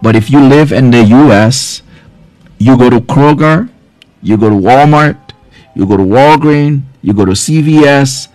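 A health care provider in his forties from Haiti gives casual, direct advice to viewers on a live stream from a small office. He's earnest, using loose filler words, in a medium-pitched, a little mellow voice at a slightly slow pace. He's recorded close-up on the front camera with a studio mic on a boom arm, and the dry recording is low quality.

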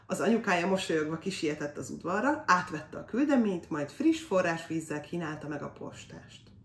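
A woman reading a children's fairy tale aloud in an expressive, animated way. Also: on the low side, far from the mic. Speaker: storyteller. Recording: roomy echo.

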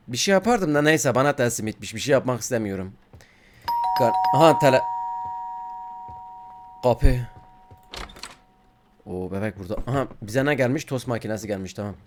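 A man giving casual gameplay commentary, joking, talking to the game's baby and yelping when startled. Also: medium pitch. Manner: jokey, talks to the game baby, yelps when startled. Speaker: gaming YouTuber.

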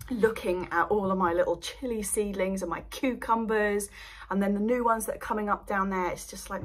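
A woman's voice: medium pitch, fairly bright tone, breathy edge. A young Englishwoman chatting casually to camera at home about her allotment, rambling and laughing often. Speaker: allotment vlogger. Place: indoors at home by seedling light box.

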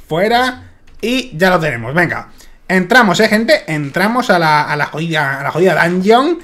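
Excitable gamer, wildly swinging pitch. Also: male voice. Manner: excitable, swears a lot, jumps from mutters to loud shouts. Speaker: gaming YouTuber. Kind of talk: Minecraft let's play commentary.

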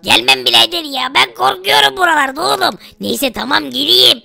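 A man's voice: very high voice, animated, normal speed, creaky, bright, forceful tone, full character voice. A man voicing a scared, whiny young sidekick in a game story. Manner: panicky, whiny.

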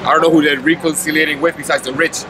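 Recorded on a city street with steady traffic underneath, a man in his thirties argues earnestly for his cause in a street interview. He talks quickly with fairly even intonation, his voice pitched a little high for a man.

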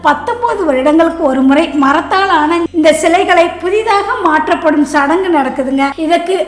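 A woman's voice: extremely high pitch, moderate pace. A woman narrating a scripted devotional story to her listeners as a channel host. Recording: roomy echo.

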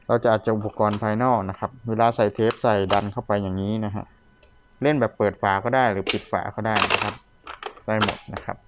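A man with a fairly low voice gives a casual, polite product demonstration as a seller, talking the viewer through equipment and ending most phrases with courtesy particles. A little hiss or hum is audible.

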